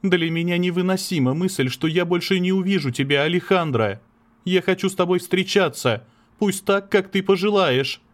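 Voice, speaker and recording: A man's voice: high-pitched, normal speed, voice pushed up, lightly acted. A man voicing an anxious, lovesick young man who pleads earnestly, in an audiobook. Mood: pleading. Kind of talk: audiobook character reading.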